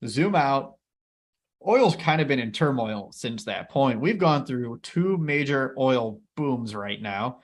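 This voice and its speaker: A man's voice: mid-range voice, animated, takes it slowly. A man in his thirties co-hosting an investing chat, upbeat and joking as he rambles. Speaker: co-host of a dividend investing channel. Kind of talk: casual chat.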